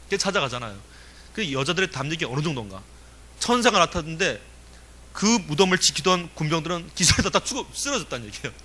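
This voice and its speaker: Bright, animated Korean pastor. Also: male voice, fairly high pitch, fast. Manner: animated, emphatic, with chuckles and rhetorical questions. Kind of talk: sermon.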